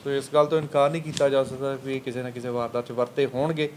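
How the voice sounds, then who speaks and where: Fast-talking police officer. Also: male voice, medium pitch, level tone, darkish tone, slight background noise. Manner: rambling, many fillers, formal police terms. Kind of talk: press briefing answering reporters.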